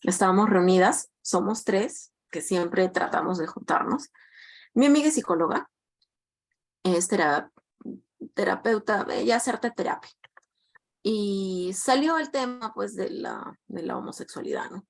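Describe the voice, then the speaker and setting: A woman student tells the class about something that happened to her. She talks hesitantly, restarts her sentences and keeps adding questioning tags. Her pitch is in the middle range. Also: animated, measured pace, creaky. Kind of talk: recounting an anecdote in class.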